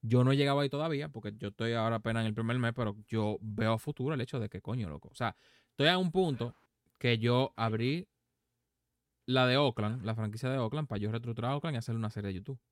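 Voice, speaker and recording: A Dominican man hosts a relaxed gaming chat in casual speech. His voice is mid-pitched and smooth, recorded dry with no room sound. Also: fast, dry recording. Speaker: podcast host.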